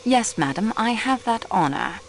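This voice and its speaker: A woman playing a patient, courteous investigator for a detective, asking questions in a formal, calm way. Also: a little high, normal speed, a little hiss or hum, natural voice. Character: polite, patient assistant to a French detective.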